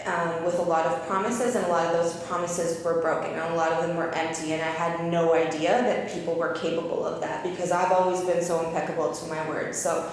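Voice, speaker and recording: A woman in her thirties from Calgary, an eyebrow artist telling her story as an interview guest in an open, energetic way. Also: fairly low pitch, brisk, hardly any pauses. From Canada (Calgary). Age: 30s. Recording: roomy reverberant space with faint noise.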